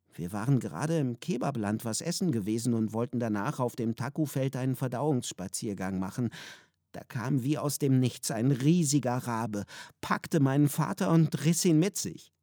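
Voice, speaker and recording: A man reading a children's story aloud in a calm, even storytelling manner. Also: medium pitch, no room sound, studio quality. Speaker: narrator.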